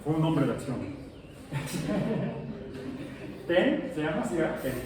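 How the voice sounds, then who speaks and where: A man's voice: fairly high pitch, expressive, takes it slowly. A middle-aged man teaching a science class, chatty and jokey, asking his students questions as he lectures. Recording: echoey classroom from far off, faint noise.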